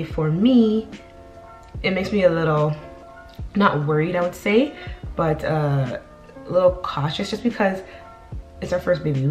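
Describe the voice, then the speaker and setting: A young woman talks to her camera in a loose, chatty way, often pausing on an um and restarting her sentences. Her voice sits a little low. Soft music plays faintly underneath. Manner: chatty, many ums and restarts. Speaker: vlogger. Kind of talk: casual vlog chat. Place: indoors at home.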